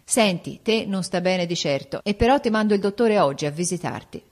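A woman's voice: fairly low pitch, lively intonation, fairly quick, darkish tone. Woman reading as a furious betrayed king. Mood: questioning. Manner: furious, accusing outbursts. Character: angry jealous king, man.

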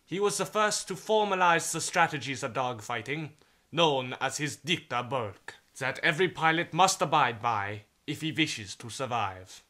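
This man adopts the role of a pompous WWI flight instructor, stern and declamatory, using antiquated phrasing straight out of an old military training film. He speaks at normal speed with a medium pitch, a sharp tone and lively intonation.

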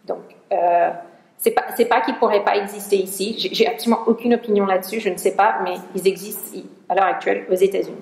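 A woman researcher lectures to an audience with a gravelly, creaky edge to her mid-pitched voice. She often gropes for the right word and restarts sentences. The hall gives her voice a roomy echo. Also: fairly even intonation, fast talker, a little mellow. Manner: searching for words, frequent restarts. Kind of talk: conference talk.

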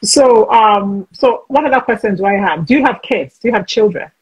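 A woman's voice: medium pitch, expressive, normal speed, breathy edge, highs cut off. A woman in her forties hosting a casual video-call interview, frank and chatty, often restarting her sentences. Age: 40s. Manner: chatty, frank, talks over herself with restarts. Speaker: host.

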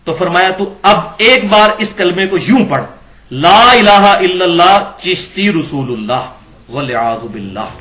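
A man's voice: on the high side, a bit bright. A man delivering a religious lecture. He reads passages from books and comments sharply, asking rhetorical questions. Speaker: Islamic lecturer.

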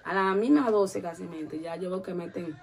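This woman speaks at a moderate pace in a lowish voice with vocal fry. She's relating a lengthy story during a relaxed interview, bringing it to life by performing each character's quoted lines.

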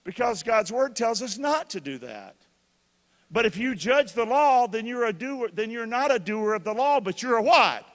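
A man preaching a sermon as pastor, questioning his congregation and bursting into shouts when excited. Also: very high-pitched, moderate pace. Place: church hall. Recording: long reverb of a church hall.

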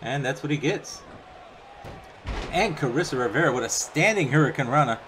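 A young man of Puerto Rican background provides play-by-play commentary over wrestling video game footage, recorded as a voice-over on a home microphone with slight background noise. His mid-range voice moves at normal speed, chatty and casual between calls and excited on the big moves.

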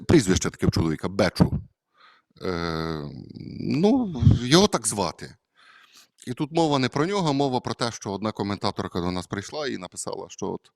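Man, priest. Homily delivered as casual talk, lots of "uh"s, low voice. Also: darkish tone, dry recording, clean studio sound. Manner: conversational, hesitant with many fillers.

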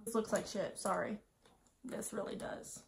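Her gravelly, medium-pitched voice stays steady and measured against slight background noise. Tipsy from wine in a small room at home, this woman in her twenties talks casually and scatterbrained through a makeup tutorial, muttering self-deprecating asides.

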